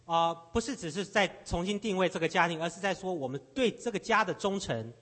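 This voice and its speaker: A man's voice: high voice, lively intonation, fast, a bit bright. A man interpreting a sermon phrase by phrase, often repeating words and hesitating as he searches for the right wording.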